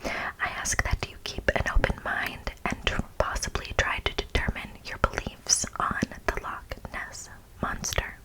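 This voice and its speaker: An American ASMR host whispers her way through a prepared speech, taking it very slowly and deliberately. Now and then she turns to the listener with a playful aside, staying just as hushed, on a rough recording.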